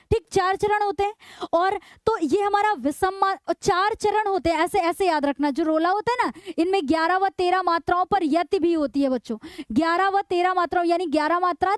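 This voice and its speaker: A woman's voice: extremely high pitch, no echo, studio quality. A woman teaching a live online exam-prep class, repeating key points and coaxing her students with questions.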